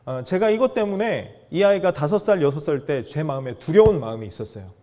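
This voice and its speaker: A man lecturing a class of fathers through personal stories. His fairly high voice swings widely in pitch, and he acts out the lines he quotes with plenty of animation. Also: expressive, brisk, dark tone. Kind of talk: storytelling lecture.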